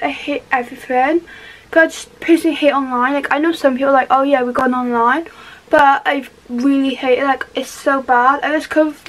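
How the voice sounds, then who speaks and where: A woman's voice: sits high, rough recording. A Welsh teenage girl chatting in a rambling, upbeat way while doing her makeup in her bedroom, talking to the camera. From Wales. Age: teens. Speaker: vlogger. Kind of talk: casual get-ready-with-me chat. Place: small bedroom indoors.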